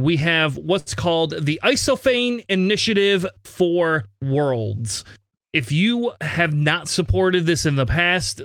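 A man hosts a casual game podcast, joking and swearing easily. His speech is slightly slurred from a numbed sore throat, set a little high. The sound is dry and close. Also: a bit bright, no echo. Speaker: podcast host.

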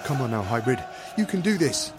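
A man's voice: mid-range voice, big pitch swings, a little fast, loud music behind the voice, over a noisy crowd, close to an everyday voice. A man voicing a cheerful young male cheese superhero who talks in an upbeat, encouraging way.

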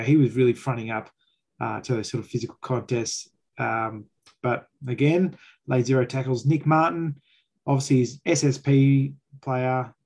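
A man's voice: mid-range voice, darkish tone. An Australian man hosting a fan sports chat, giving critical, emphatic opinions in colloquial language. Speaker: fan podcast host.

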